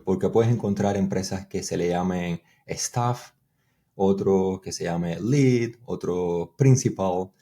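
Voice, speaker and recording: Deep-voiced Cuban man explaining. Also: warm tone. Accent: Cuban Spanish. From Cuba. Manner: thoughtful, explanatory, with restarts. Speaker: guest engineer. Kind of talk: conversational interview answers.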